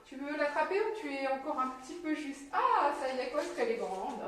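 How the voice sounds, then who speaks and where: A woman teacher giving a slow, encouraging reading lesson to a young child, sounding out syllables clearly. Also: high voice, expressive, a bit bright. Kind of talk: patient early-literacy lesson. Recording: very echoey room, mic at a distance.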